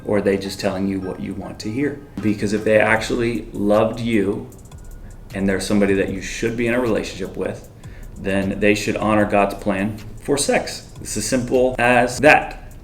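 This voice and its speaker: A man's voice: lowish voice, fairly even intonation, moderate pace. Conversational male youth preacher over faint music. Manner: explanatory, uses rhetorical questions and plain slang. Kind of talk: conversational sermon to teenagers.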